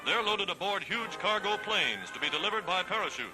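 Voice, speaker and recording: A man narrating a 1940s newsreel in an emphatic, dramatic announcer style, over loud orchestral music. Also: high voice, expressive, a little fast, low-quality recording. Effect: old newsreel narration.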